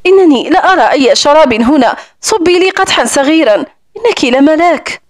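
A woman's voice: high voice, expressive, a little fast, no echo, clean studio sound. A woman reading the part of a cheerful, chatty elderly grandmother in her later years.

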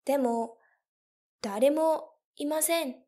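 A young woman teacher telling a story slowly and carefully for learners, with clear, deliberate phrasing. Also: high voice, warm tone. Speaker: language teacher.

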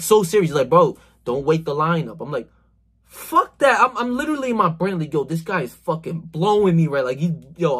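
Fairly high and husky, the voice belongs to a young man nearly twenty-one who vlogs about self-improvement. He gestures constantly while delivering an emphatic, slang-heavy motivational speech to his phone camera in a small bedroom, cursing a lot and calling the viewer "bro."

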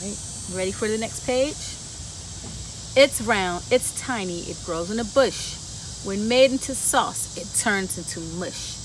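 A woman with a medium-pitched voice reads a picture book to children at a measured pace on an outdoor garden bench, stopping between rhymes to ask playful questions. It's recorded outdoors on a camera a few feet away, with insects clearly audible.

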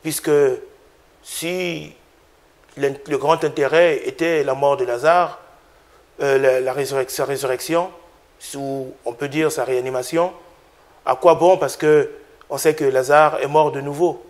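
A male preacher reading scripture and then explaining it in a homily, deliberate and careful, sometimes restarting words. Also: fairly high pitch, steady tone. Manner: deliberate, with restarts and filler sounds.

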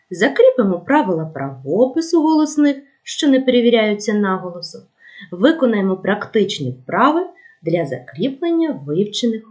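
A woman's voice: medium pitch, a little mellow. A middle-aged woman teaching a recorded school language lesson, carefully over-enunciating each example word. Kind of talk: recorded distance-learning lesson.

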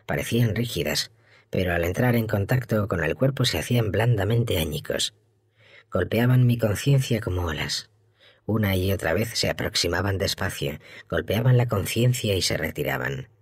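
A man narrating an audiobook in a measured, steady reading. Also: deep voice, no echo, studio quality.

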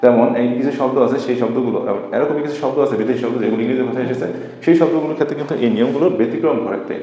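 Slow-spelling male teacher, echoey room. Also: medium pitch, warm tone. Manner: slow, repetitive, spells words letter by letter. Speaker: English teacher. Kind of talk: whiteboard phonics lesson. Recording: echoey room, dull lo-fi sound, faint hiss.

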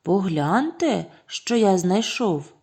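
A woman's voice: medium pitch, big pitch swings, takes it slowly, mellow, breathy edge, exaggerated voice. A woman playing a patient hardworking rooster. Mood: calling.

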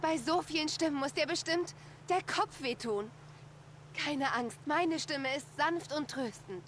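A young woman hunter in a video game, steady and reassuring. Her voice sits a bit high. She speaks with calm composure. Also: moderate pace, slight background noise.

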